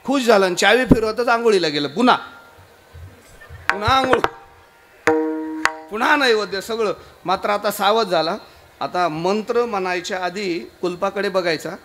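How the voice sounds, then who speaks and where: A man with a Marathi accent telling a devotional story in a kirtan sermon, acting out the characters in quoted dialogue and sometimes rising to loud exclamations. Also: high voice, fairly quick, music in the background. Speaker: kirtan preacher. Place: festival stage before a crowd.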